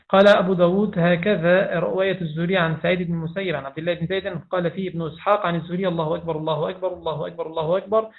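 A man reading hadith texts aloud, reciting chains of narrators quickly with small slips and restarts. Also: high voice, gravelly. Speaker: hadith reader. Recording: tinny phone-like sound.

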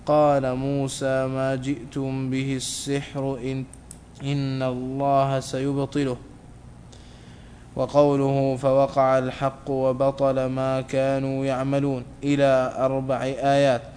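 A man reading a classical religious text aloud to his teacher in a measured, careful way. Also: medium pitch, slight background noise. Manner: flat, measured recitation.

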